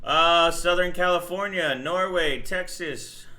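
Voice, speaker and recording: A man's voice: high-pitched, takes it slowly, sharp tone, a little hiss or hum. A man from New Jersey hosting a casual live stream, greeting viewers and explaining computer settings as he works. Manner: chatty, greets viewers, explains overclocking settings while working. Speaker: livestream host.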